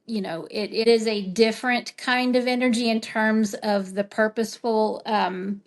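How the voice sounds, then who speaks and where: A woman's voice: a little high, fairly even intonation, normal speed. A woman in a casual group conversation, talking in a meandering, reflective way with many fillers. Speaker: medium in group session.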